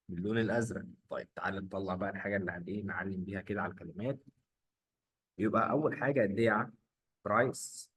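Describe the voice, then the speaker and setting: A man's voice: on the low side, slightly rough, poor audio. A man with an Egyptian Arabic accent, teaching German vocabulary and saying each word twice for his students. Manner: drills each word by repeating it. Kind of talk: vocabulary lesson.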